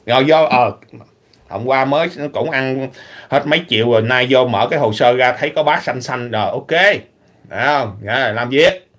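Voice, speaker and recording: A man from Vietnam, talking animatedly in a casual opinionated vlog, clearing his throat often. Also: medium pitch, moderate pace, a bit bright. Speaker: vlogger.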